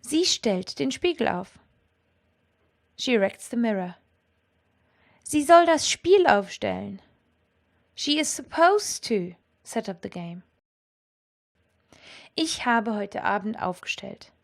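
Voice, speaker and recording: A woman teaching a language lesson, explaining clearly and with enthusiasm and carefully pronouncing German example sentences. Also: a little high, very animated, takes it slowly, pauses often.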